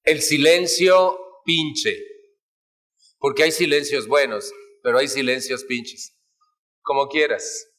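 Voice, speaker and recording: A man's voice: mid-range voice, slow, long pauses, a bit bright. A man with a Mexican accent giving a humorous talk to a live audience, playfully acting out family arguments with shifting voices. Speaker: speaker at a family recovery talk.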